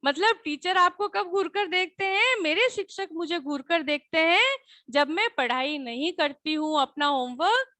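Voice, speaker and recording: A woman's voice: very high-pitched, animated, normal speed, bright, forceful tone, no room sound. A woman teacher explaining a Hindi lesson to schoolchildren, patient, repeating questions and often asking "है ना?" to check they follow.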